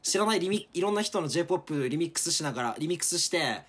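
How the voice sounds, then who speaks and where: A man's voice: fairly high pitch, animated, very fast, fairly bright tone, slightly rough. A young man co-hosting a podcast in casual comedic banter, teasing his partner playfully and dropping into silly bits. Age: young adult. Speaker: podcast co-host.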